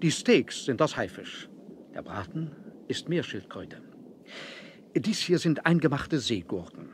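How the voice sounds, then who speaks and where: An actor playing a proud, defiant submarine captain in a 1970s adventure radio play, speaking in a measured, formal, commanding way. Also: male voice, medium pitch, very animated. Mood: courteous, proud. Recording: noisy 1970s vinyl audio drama.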